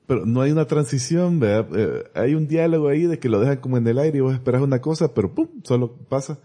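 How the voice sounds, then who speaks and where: A man's voice: medium pitch, fast, dark tone. A man chatting casually on a podcast, recapping a film with rambling restarts. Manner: rambling, recounts scenes with restarts. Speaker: podcast host. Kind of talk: casual movie review chat.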